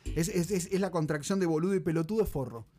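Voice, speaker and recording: Animated Argentine man explaining slang. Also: fairly high pitch, fast. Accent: Argentine Spanish. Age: 40s. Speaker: guest teaching slang. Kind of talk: casual chat.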